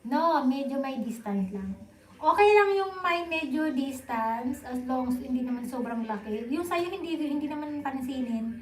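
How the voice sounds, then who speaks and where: A woman's voice: high-pitched, lively intonation, normal speed, roomy sound, poor audio. A young woman with a Filipino accent chatting casually and informally with viewers on a live stream.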